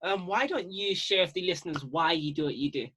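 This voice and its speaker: A man's voice: high voice, fast, fairly bright tone, breathy edge. A man hosting an interview podcast, who welcomes his guest politely and encourages him to share. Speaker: podcast host.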